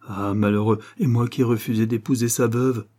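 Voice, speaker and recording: A young gentleman caught out and crying out in dismay, read by a man. The voice is mellow and warm. It has a soft, slightly husky edge in a storybook reading. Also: medium pitch, fairly even intonation, a little fast, lightly acted.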